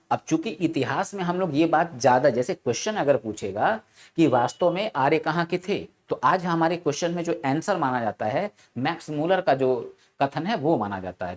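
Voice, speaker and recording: A male teacher giving a classroom lecture, asking his students rhetorical questions and repeating the answers with frequent check-ins. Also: on the high side.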